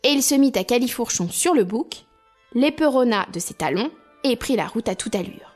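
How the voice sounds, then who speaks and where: A woman reading a fairy tale aloud as storyteller, in an expressive, lively way. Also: fairly high pitch, moderate pace, faint music behind.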